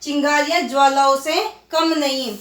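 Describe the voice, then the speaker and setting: A woman schoolteacher walks young pupils through a lesson, patiently drilling words and answering her own questions. Her voice sits high. She sounds set back from the mic in a roomy, echoing space. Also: steady tone, normal speed, fairly bright tone, recorded from a distance. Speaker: primary school Hindi teacher. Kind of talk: recorded online class lesson.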